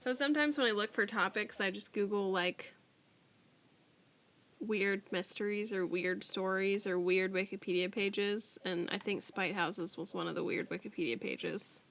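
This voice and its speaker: A woman co-hosting a podcast in casual chat, animated and swearing casually. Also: mid-range voice, normal speed, creaky. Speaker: podcast co-host.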